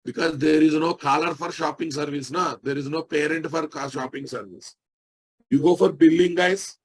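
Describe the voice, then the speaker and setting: A man with an Indian Telugu accent, teaching software in a live technical session, speaks at normal speed in a slightly high voice with a steady tone. He repeats each phrase and checks in to see that people are following.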